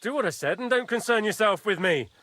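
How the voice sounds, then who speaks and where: Irritable commanding lord. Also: male voice, sits high, animated, quick pace, sharp tone, no echo. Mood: irritated. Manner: curt, ordering others about. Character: irritable, commanding nobleman, quick-tempered. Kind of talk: video game dialogue.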